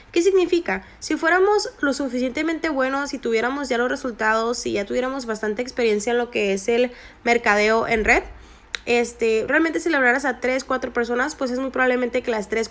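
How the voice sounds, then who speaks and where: A woman, chatting through a phone screen tutorial and repeating her points for emphasis. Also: fairly high pitch. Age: 20s. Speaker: network marketing vlogger. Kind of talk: screen-recorded tutorial narration.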